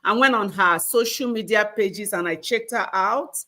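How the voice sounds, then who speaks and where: Woman guest with a bright voice on a video call, earnest, heartfelt testimony. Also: mid-range voice, normal speed. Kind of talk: personal testimony.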